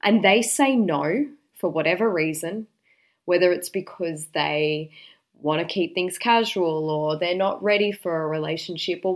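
Female dating advice host, slightly low voice. Confident, direct, emphatic counselling delivery. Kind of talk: relationship advice talk.

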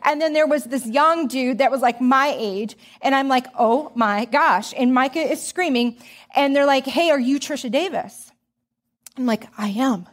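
A woman's voice: sits high, moderate pace. A woman in her thirties giving a candid, conversational storytelling talk to women, self-deprecating and open. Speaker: speaker.

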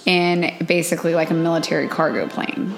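A woman's voice: deep voice, steady tone, a little fast, over music. A woman chatting casually as a co-host, telling stories with lots of restarts and asides. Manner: chatty, storytelling, self-interrupting. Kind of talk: casual chat.

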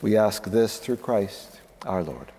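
A male priest prays the liturgy in a soft, mellow voice that sits fairly low. His phrasing is solemn and measured, and it rings through a long cathedral echo with some noise around it. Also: expressive. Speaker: priest celebrating Mass.

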